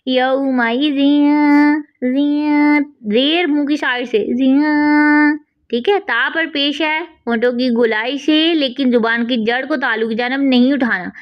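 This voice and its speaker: A woman teaching Quran recitation rules step by step, patiently repeating and demonstrating sounds slowly. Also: sits high. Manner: patient, repeats "theek hai" between drawn-out demonstrations. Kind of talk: tajweed lesson with demonstrations. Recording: dull lo-fi audio.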